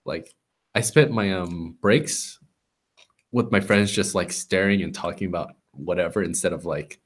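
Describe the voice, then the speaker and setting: Low-voiced young man chatting casually. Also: measured pace. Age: young adult. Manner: casual swearing. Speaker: podcast co-host. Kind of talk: casual chat. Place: library room.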